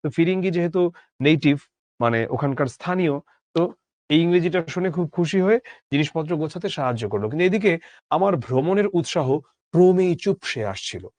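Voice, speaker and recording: A man's voice: on the high side, expressive, a little fast, a little mellow, no room sound. Emphatic male literature teacher explaining a text. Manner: explains each phrase by rereading it and rephrasing simply; emphatic rises and drops on key words. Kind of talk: literature lesson for exam students.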